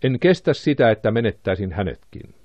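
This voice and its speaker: A man's voice: fairly low pitch, sing-song, a little mellow, no echo. A man voicing an anxious, emotional mother in an audiobook, his voice raised.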